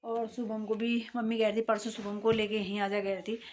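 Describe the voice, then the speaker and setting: A middle-aged woman vlogger talking casually and at length, with rambling, conversational storytelling and frequent throat clearing. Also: mid-range voice, level tone, a little fast, a little mellow. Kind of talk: casual chat.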